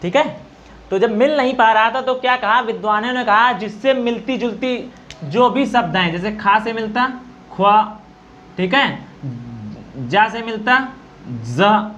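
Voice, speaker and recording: A teacher giving a Hindi grammar lesson for exam preparation, explaining slowly and answering his own questions. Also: mid-range voice, a bit bright, dull audio, slight background noise.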